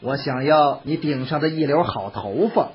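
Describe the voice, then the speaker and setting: A storyteller voicing a swaggering, harsh rich man with a gruff, blustering manner, in a dull lo-fi recording. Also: medium pitch, moderate pace, pitched below the performer's own voice, natural voice. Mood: coaxing.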